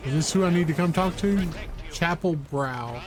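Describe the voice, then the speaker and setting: Over music, a man with a slightly high voice streams a video game at a moderate pace. He's chatty and wry, thinking aloud as he explores in casual let's-play style.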